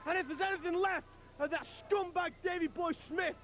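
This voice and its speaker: A man's voice: fairly even intonation, brisk, fairly bright tone. A man cutting a boastful, threatening wrestling promo on a 1989 TV broadcast. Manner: boastful, threatening, growls low at the end. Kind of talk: loud taunting wrestling promo.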